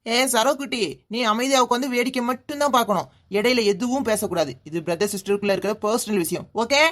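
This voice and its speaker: A man's voice: extremely high pitch, fast talker, a bit bright, a little hiss or hum. A cartoon voice actor playing a drunk young man who throws broken English into his talk. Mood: bossy. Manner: mixes broken English in, insistent. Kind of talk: cartoon serial voice acting.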